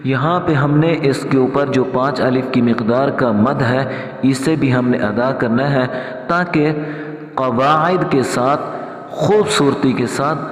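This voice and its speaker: A man teaching Quran recitation, who explains each mistake in plain talk and then chants the verse slowly and drawn out. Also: medium pitch. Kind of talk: tajweed lesson with chanted recitation. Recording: echoey hall.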